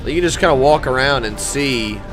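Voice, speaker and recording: Man, casual gaming commentary, conversational, geeky enthusiasm, medium pitch, clear background music. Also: brisk. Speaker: gamer commentator. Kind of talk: casual game walkthrough commentary. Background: loud game music and vehicle sounds.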